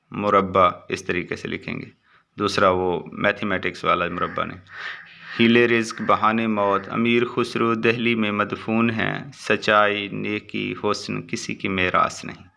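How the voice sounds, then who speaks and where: A man reading short exam answers aloud as a teacher, in a steady recitation with brief asides. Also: lowish voice, creaky, clear, resonant tone.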